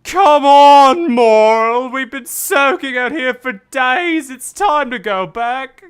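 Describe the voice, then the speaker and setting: A man voicing a drenched and cold, exasperated expedition member in a video game, complaining loudly. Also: very high voice, takes it slowly, clear, resonant tone, voice pushed up. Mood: exasperated, pleading. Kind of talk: game dialogue read aloud.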